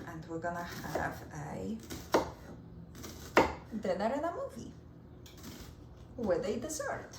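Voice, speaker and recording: A middle-aged woman with a Polish accent talks unhurriedly as she cooks. She chats through each step in her home kitchen. Her voice rings around the hard-surfaced room, with a clear steady hum of noise behind her. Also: on the low side, echoey room. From Poland. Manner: chatty, explains each step while working. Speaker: cooking show host. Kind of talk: home cooking demonstration.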